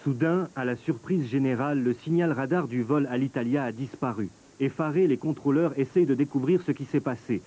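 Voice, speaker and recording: A man narrating a documentary in a measured, scripted, explanatory way. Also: medium pitch, dark tone, slightly rough, poor audio.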